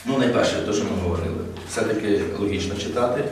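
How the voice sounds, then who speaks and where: A man's voice: on the low side, racing. A man leading a master class on audiobook narration, explaining technique and demonstrating how to read, in an improvised studio. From Ukraine. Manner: explaining, demonstrating readings, light laughs. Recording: very echoey room, distant mic, faint noise.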